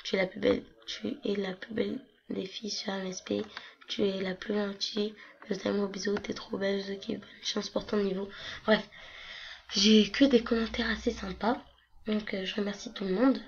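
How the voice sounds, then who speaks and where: A young woman with a hoarse voice, chatting casually and rambling with many fillers as she walks through her game accounts on a screen recording. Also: medium pitch, little pitch movement, normal speed. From France. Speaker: gaming vlogger. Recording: lo-fi computer mic with faint noise.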